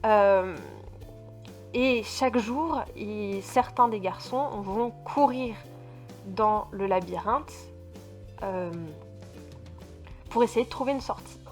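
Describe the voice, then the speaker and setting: A French book vlogger chats casually about a book, stammering, restarting often, and using many fillers while speaking emphatically about her feelings. Her voice is medium-pitched and slow with frequent pauses, over soft background music.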